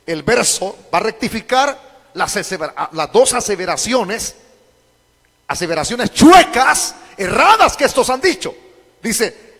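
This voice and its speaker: A man preaches with a high voice into a handheld microphone. His delivery moves from quiet, intimate explanation to fervent shouted peaks. A long reverb from a large church hall trails each phrase. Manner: preaching, swinging between quiet talk and shouted climaxes. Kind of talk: sermon.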